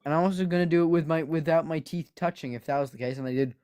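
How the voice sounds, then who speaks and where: A man's voice: fairly high pitch, mellow, clean tone, no echo. Rambling man with a dry, close sound. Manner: halting, rambling storyteller with frequent false starts. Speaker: panelist on a live debate stream. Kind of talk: casual chat and anecdote. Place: online voice call.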